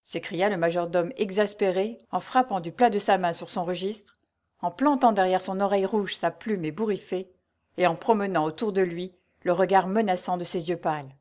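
A woman narrating a storybook in a measured, even way. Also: fairly low pitch. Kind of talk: storybook reading.

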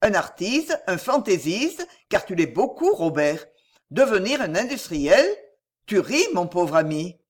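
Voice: mid-range voice, sing-song, unhurried. A reader voicing an earnest, struggling factory owner. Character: earnest factory owner near ruin, reserved. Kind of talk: audiobook reading.

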